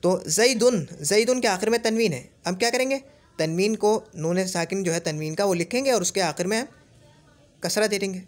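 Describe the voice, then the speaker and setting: A man teaching Arabic grammar in Urdu, repeating each example word slowly and checking in with "theek hai?". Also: high voice. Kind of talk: explaining a grammar lesson.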